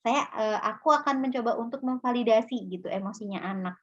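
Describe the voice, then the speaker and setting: A woman's voice: fairly high pitch, quick pace. A young woman psychologist talking casually in a parenting webinar, with many fillers and acted quotes. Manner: acts out mother and child lines. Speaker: psychologist guest speaker. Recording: lo-fi video call audio.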